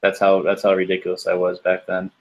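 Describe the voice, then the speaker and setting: A man's voice: low-pitched, monotone, brisk. A man from New York chatting casually as a guest, laid-back with stammering restarts. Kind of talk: casual chat. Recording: dull muffled sound.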